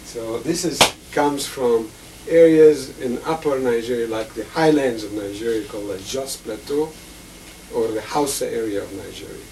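On a distant, hissy old videotape, a mid-range male voice speaks at a moderate pace. He's a musician and lecturer from Egypt, first patiently explaining and handling instruments in a room filled with them, then answering questions about his life in an office with bookshelves.

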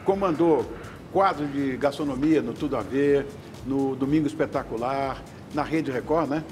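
A man's voice: mid-range voice, moderate pace, darkish tone, soft background music. An older man hosting a morning TV talk show, effusive and jokey with his guests. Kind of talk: casual studio chat. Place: TV studio kitchen set.

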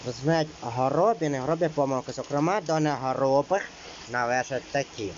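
A man of middle pitch gives an exam-prep lesson. He reads each rule and then explains it in a loose, filler-heavy way. The recording is a little dull, and faint rain is heard behind him. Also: moderate pace, a little hiss or hum. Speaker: teacher.

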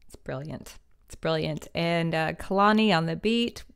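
A woman's voice: sits low, unhurried, vocal fry, clean tone. A woman, chatting enthusiastically as she reacts to a song, laughing often. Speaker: music reaction host. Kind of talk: casual reaction commentary. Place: small decorated home room with string lights. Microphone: studio condenser mic on stand.

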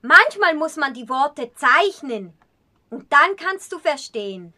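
In acted short-film dialogue, a woman plays a proud, sharp-tongued blind painter who snaps back with quick, scornful retorts. Her voice is high-pitched, sing-song, and exaggerated.

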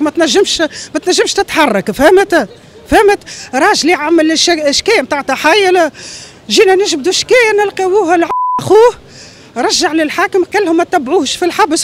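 A middle-aged woman with a Tunisian accent, speaking in an agitated, pleading, emphatic way in a street interview. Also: sits high. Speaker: interviewee airing a grievance. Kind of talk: street interview, impassioned complaint. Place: outdoors on a busy city street. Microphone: handheld reporter microphone.

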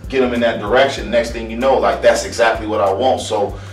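A man in his thirties from Akron, Ohio, a barber answering interview questions in a calm, earnest way, often repeating words as he searches for them. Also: on the low side, a little fast. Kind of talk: casual interview. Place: small room indoors. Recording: roomy, distant mic, faint music.

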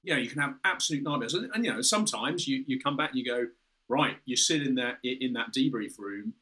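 Here the ex-fighter-pilot guest, a Briton in his fifties, sounds medium in pitch, a bit fast, pushed and bright, with lively intonation. Over a video call he gives long explanations full of restarts and "you know." Behind him is an indoor room with a window and red curtains.

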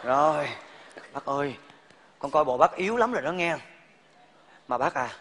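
An actor playing an eager young suitor who turns meek and polite before the elder in a live stage comedy sketch. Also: male voice, fairly high pitch, expressive, moderate pace, a bit bright. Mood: coaxing. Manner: eager then deferential, polite particles. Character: young earnest male suitor from the city. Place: large theater stage. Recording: live stage, long hall reverb.

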